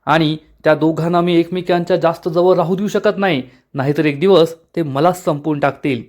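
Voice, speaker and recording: एक पुरुष कटकारस्थानी, सूडबुद्धीच्या खलनायिकेच्या ओळी वाचतो. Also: male voice, fairly high pitch, steady tone, normal speed, darkish tone, close to an everyday voice. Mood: scheming. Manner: spiteful, impatient, raging. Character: scheming vengeful young woman villain.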